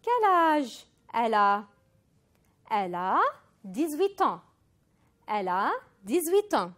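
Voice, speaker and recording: A woman teaching a recorded French lesson, saying model phrases slowly and clearly for students to repeat. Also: on the high side, big pitch swings. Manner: slow, deliberate model phrases for repetition, mixing in Arabic.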